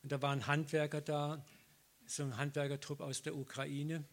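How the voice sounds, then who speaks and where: A middle-aged male preacher in an animated sermon. His voice sits a little high for a man, and he acts out every conversation he retells. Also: moderate pace. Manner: lively storytelling, acts out dialogue, laughs often. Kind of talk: sermon with personal stories.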